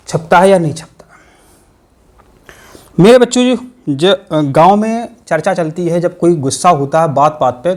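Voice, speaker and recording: A man's voice: on the high side, a little mellow. A man teaching a physics exam-prep lesson, playful and full of repeated mnemonics. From India.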